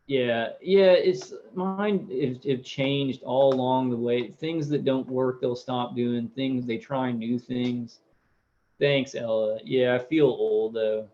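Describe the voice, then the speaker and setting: A man's voice: mid-range voice, dark tone, slight background noise. A man in his thirties hosting a casual live stream, rambling through viewer comments with lots of fillers and repeated words. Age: 30s. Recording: dull lo-fi audio.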